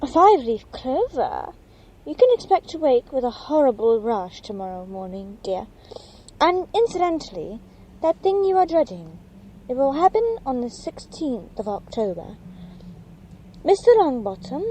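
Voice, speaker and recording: Woman as high, airy mystic divination professor. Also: sing-song, mellow, a little hiss or hum, low-quality recording. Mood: airy, portentous. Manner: dramatic, portentous, drawn-out delivery. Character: airy, theatrical, mystical female divination professor foretelling doom.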